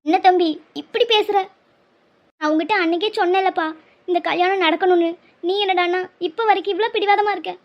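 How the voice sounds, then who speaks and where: A woman's voice: very high-pitched, steady tone, fairly quick. A woman voicing a stubborn, emotional middle-aged cartoon mother who pleads and guilt-trips. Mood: pleading. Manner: pleading, melodramatic, guilt-tripping. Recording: muffled lo-fi audio.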